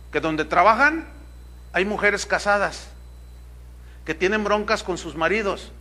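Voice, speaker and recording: Man, pastor, sermon, high voice, bright tone, joking, rhetorical questions. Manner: conversational, humorous, asks rhetorical questions.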